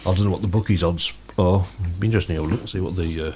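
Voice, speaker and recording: A man co-hosting a casual sports chat, talking rapidly and knowledgeably and often hedging his points. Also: deep voice, noisy background. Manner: rapid, knowledgeable, hedges with "to be fair". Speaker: podcast co-host.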